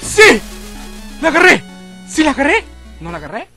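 High-pitched, excitable young gamer. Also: male voice, moderate pace, soft background music. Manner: excitable, yelps and shouts at the game. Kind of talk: let's play commentary.

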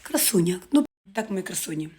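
Fast-chatting woman vlogger. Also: on the low side, very animated, a little mellow, husky. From Ukraine. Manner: chatty, joking, addresses viewers as girls. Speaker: market vlogger. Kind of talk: casual live chat to viewers.

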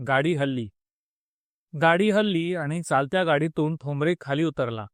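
Male narrator reading a story aloud, expressive, slightly high voice, dry close sound. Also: a little slow, dry recording. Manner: expressive, acts out the dialogue.

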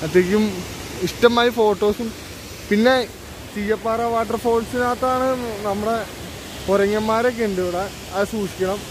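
A man's voice: sits high, fairly even intonation, moderate pace, pauses often. A man in his twenties with a Kerala Malayali accent, chatting casually to vlog viewers and mixing English words into his Malayalam. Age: 20s. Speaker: travel vlogger. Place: outdoors by roadsides, dam and waterfall. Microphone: handheld phone at arm's length. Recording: noisy outdoor roadside, wind and traffic.

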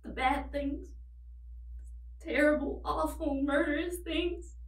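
A woman's voice: high voice, steady tone, takes it slowly. A young woman playing a desperate, sorrowful tragic heroine in a dramatic monologue, pleading and confessing in anguish. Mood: haunted, confessing. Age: young adult. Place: indoors against a plain backdrop. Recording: roomy, distant microphone.

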